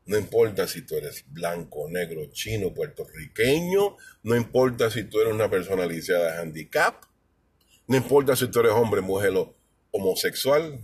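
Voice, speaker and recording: A man's voice: medium pitch, slight background noise. A man from New York giving an emphatic, blunt, repetitive political commentary in a casual monologue. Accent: New York Spanish speaker. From New York, USA.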